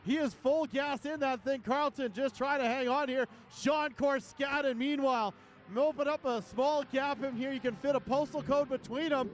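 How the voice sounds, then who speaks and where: A man doing excited, hyped live play-by-play as one of two dueling motorsport announcers. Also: very high voice, slight background noise. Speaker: drift competition announcer. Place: outdoor race track event.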